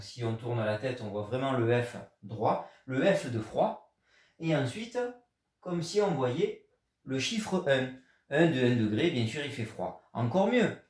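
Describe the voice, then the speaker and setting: Man teaching in a roomy, distant echo. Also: mid-range voice. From France. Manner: patient, explanatory, emphatic on key words. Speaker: Chinese teacher. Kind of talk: video language lesson. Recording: echoey room, voice away from mic.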